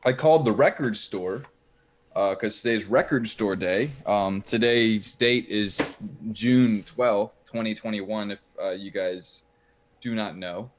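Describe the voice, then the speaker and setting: Low-voiced man rambling through a joke bio. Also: takes it slowly, slight background noise. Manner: mock-boastful rambling storyteller. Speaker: podcast co-host. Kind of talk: casual podcast chat.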